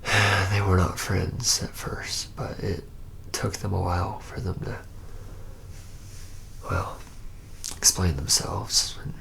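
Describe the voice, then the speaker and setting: In an intimate ASMR roleplay, a man plays a reluctant young-adult male vampire telling his own past in hushed first person. His very low, heavily creaky voice, a bit bright, shifts between a breathy whisper and a gravelly murmur, often falling to a whisper, as he hesitates and pauses mid-phrase with a rueful, haunted air in full character voice. The audio quality is poor.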